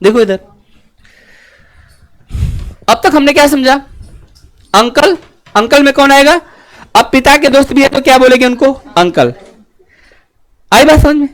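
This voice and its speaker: A man teaching a class, who keeps asking the students whether they have understood and moves between joking asides and earnest advice. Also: extremely high pitch. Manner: keeps checking students understood with quick questions; joking and lively, then earnest and preachy. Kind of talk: classroom lecture.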